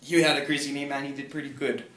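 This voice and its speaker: A young man hosting a casual sports podcast, easygoing and quick to laugh at himself. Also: medium pitch, flat delivery, fairly bright tone. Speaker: podcast host. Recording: echoey room with faint ambient noise.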